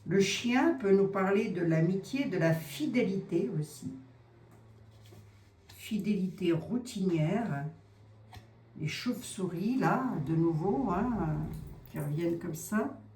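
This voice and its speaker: A woman's voice: mid-range voice, animated, slow pace, a little mellow. A woman giving a casual psychic card reading, musing aloud, hesitating and repeating herself as she goes. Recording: echoey room with faint ambient noise.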